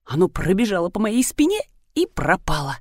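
Lively woman reading a comic audiobook. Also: mid-range voice, normal speed, dry recording, studio quality. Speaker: audiobook reader. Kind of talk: expressive audiobook narration.

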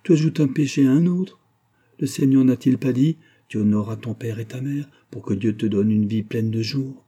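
A man voicing an old, devoted female servant, speaking slowly with husky, tender reproach. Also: medium pitch, mellow, lightly acted. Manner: slow, reproachful.

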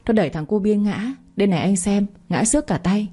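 A woman's voice: brisk, dark tone, husky, close to an everyday voice. Woman voicing a scolding mother-in-law. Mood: angry. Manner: shrill scolding, accusing. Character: sharp-tongued middle-aged mother-in-law.

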